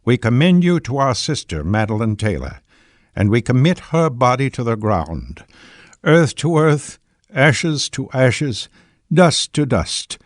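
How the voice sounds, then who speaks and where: An actor playing a solemn clergyman in a game cutscene, reading a burial rite in a measured, ceremonial way. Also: mid-range voice, big pitch swings, no echo, studio quality. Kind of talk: funeral liturgy, game cutscene.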